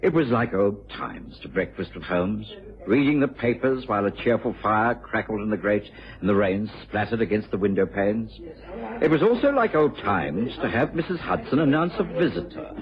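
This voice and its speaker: A muffled old radio recording of an actor as a gentleman doctor telling his tale. His low voice moves expressively through measured, literary storytelling, contented and genteel. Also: expressive, a little hiss or hum, lightly acted. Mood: reflective, content. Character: Doctor Watson, contented married gentleman doctor, narrating. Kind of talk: old-time radio drama narration.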